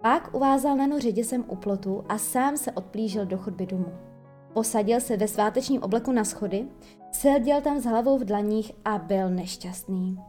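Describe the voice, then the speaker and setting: Warm-voiced woman reading a children's story. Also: mid-range voice, faint music behind. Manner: expressive, lively storytelling. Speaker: narrator.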